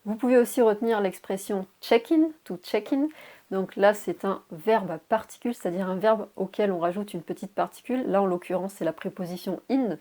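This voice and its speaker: A young woman teaching English in a casual video lesson, spelling words letter by letter and adding little fillers, her voice a bit worn as she clears her throat. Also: medium pitch, dark tone.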